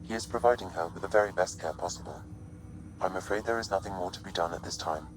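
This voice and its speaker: This is the ship's AI companion from a video game, voiced by a man as a calm male artificial intelligence. The delivery is low-pitched, formal, measured and unemotional, processed through a synthetic filter, with a noisy background.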